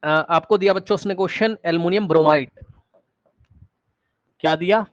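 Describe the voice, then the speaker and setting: A male teacher giving a live online class lecture, energetic, repeating words rapidly to prod his students and coaxing them with questions. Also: high voice, no echo. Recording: dull, dry online-class audio.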